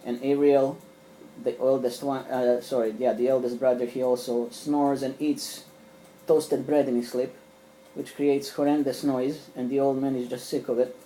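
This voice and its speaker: In a low-quality recording with a little background noise, a middle-aged man, Serbian by first language, gives a casual show-and-tell of his comic collection from a small room at home. He speaks at normal speed in a warm, level, mid-range voice, rambling with fillers and restarts.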